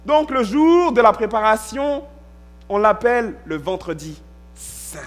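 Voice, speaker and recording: A man with a notably high voice for a male speaker preaches from a church pulpit. He reads a passage aloud and then explains it in small, methodical steps, pausing to check in with his listeners. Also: lively intonation. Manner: reads scripture, then explains step by step with frequent "ok". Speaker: pastor. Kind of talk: sermon.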